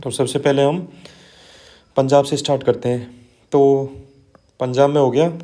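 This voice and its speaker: A man teaching an exam-prep lesson in a conversational way, often adding "है ना" and reading lists of names slowly one at a time. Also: mid-range voice, steady tone, mellow. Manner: conversational, frequent "है ना" and "ठीक है" tags.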